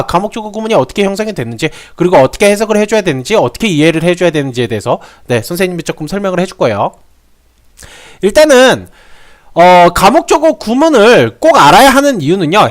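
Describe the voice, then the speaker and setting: A young man explains English grammar in a casual lesson. His voice sits high and swings widely in pitch. He repeats himself and tosses rhetorical questions at his students. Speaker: English teacher.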